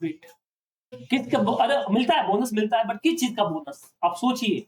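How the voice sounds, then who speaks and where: In a classroom accounting lecture, a very high-voiced, expressive male teacher keeps breaking off to ask students questions and confirm they follow. The recording is made from a distance.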